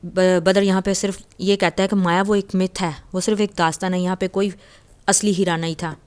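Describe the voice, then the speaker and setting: A woman's voice: lowish voice, level tone, smooth. A woman casually retelling a novel as a storyteller, talking in a loose, conversational way with frequent restarts.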